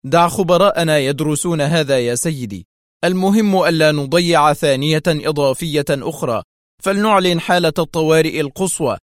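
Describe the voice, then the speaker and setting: A man acting out a fierce, high-strung male intelligence officer in a spoken story. He barks his words with harsh, commanding urgency, and the voice is dry and close. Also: no room sound, lightly acted.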